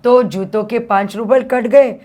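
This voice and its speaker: A woman's voice: a little high, mellow, close to an everyday voice. A woman teacher voicing a stern, stingy male master of a household, lecturing as she reads a story aloud to her class. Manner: lecturing, drawn-out reckoning of money.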